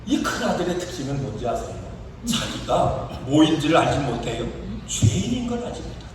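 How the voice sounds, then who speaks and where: A man's voice: on the high side, brisk, a little hiss or hum. A man, a pastor, preaching a sermon and acting out the story's characters in their own voices. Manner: lively, rising and falling emphasis. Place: church sanctuary. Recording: echoey church hall from a distance.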